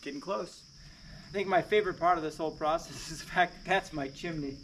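A woodworking channel host gives a casual walkthrough vlog from a basement beneath a lifted house, chatty and plainspoken with frequent "uh" fillers. His voice is on the high side, brisk and a bit bright, and the low-quality recording carries a little hiss or hum.

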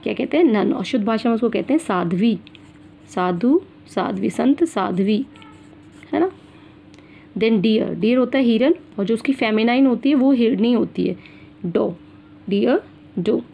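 A woman's voice: a little high, lively intonation, normal speed, gravelly, long pauses, dark tone. An Indian woman teaching an English grammar lesson to children, mixing Hindi and English and often checking that her pupils follow. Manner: mixes Hindi and English, calls pupils "beta", repeats and checks "theek hai na". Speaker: school teacher.

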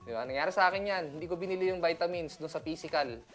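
A man's voice: on the high side, very fast, fairly bright tone, soft background music. A man from the Philippines, a seaman, talking casually in a chatty vlog, laughing often and mixing in English. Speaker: seaman vlogger.

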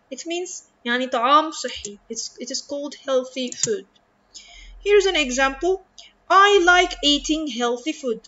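A woman with an Arabic accent teaching an English reading lesson, speaking slowly and deliberately and stretching out words for her pupils. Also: sits high, fairly bright tone, highs cut off. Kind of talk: recorded online lesson.

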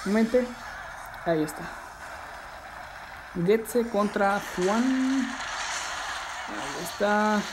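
A man hosting a live gameplay stream, chatting excitedly and reading viewer messages aloud. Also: high-pitched, gravelly, noisy background. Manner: excitable, reads viewer chat aloud, shouts at the game. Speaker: livestreaming gamer host. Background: game music.

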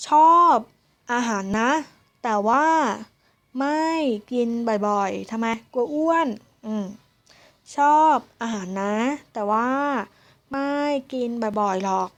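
Young female language tutor, slightly high voice, patient and polite, slow step-by-step delivery. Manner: slow, syllable-by-syllable explanation with frequent polite particles. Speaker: Korean language teacher. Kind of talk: spoken grammar lesson.

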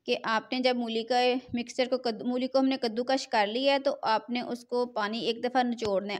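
Cooking host: middle-aged woman, fairly high voice, chatty and repetitive. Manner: chatty, repeats filler phrase "jo hai na". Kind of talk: cooking tutorial voice-over.

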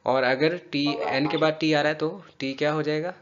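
A man teaching English pronunciation, patiently drilling words slowly and repeating them for a learner. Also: on the high side, fairly even intonation, muffled recording, crowd noise. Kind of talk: spoken language lesson.

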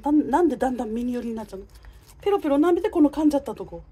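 A woman's voice: high voice, lively intonation, racing, dark tone. A woman chatting to a neighborhood cat while filming it on a phone outdoors, coaxing and teasing it. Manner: chatty, coaxing, talks to the cat in a sing-song voice.

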